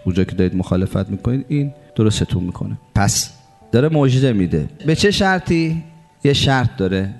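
A man giving a religious sermon, reciting quotations slowly and explaining them with rhetorical questions and long lists. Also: on the low side, a little mellow. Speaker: preacher.

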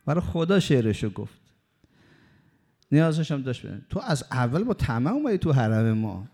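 A man preaching, telling a story in a conversational, lively sermon style. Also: medium pitch, husky.

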